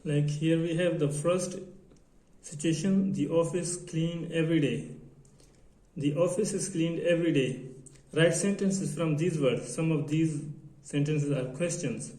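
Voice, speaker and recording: Slow, deliberate man teaching grammar. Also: fairly high pitch, dark tone. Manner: halting, repeats phrases, non-native grammar. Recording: echoey room.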